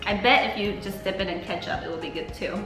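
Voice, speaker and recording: A woman's voice: mid-range voice, fast talker. A woman chatting casually and enthusiastically as a mukbang host while eating crunchy fried chicken. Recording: roomy echo, faint background music.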